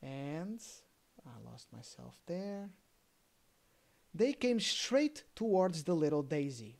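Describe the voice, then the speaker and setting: A fairy tale is read aloud by a storybook reader with a mid-range voice, delivered with care and gentle expression, broken by casual asides.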